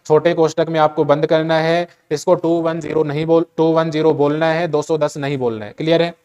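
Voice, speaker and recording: A male chemistry teacher with a Hindi accent explains a method step by step. His voice sits a little high and sounds smooth and resonant. He keeps repeating the key points and quizzing his students with rhetorical questions. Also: level tone, a little fast, darkish tone, highs cut off. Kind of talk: classroom lecture.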